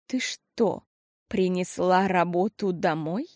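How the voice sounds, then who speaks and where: A woman reading an audiobook, voicing a worried but steady mother who speaks earnestly and deliberately. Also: mid-range voice, no echo, clean studio sound, lightly acted. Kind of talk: audiobook character voice.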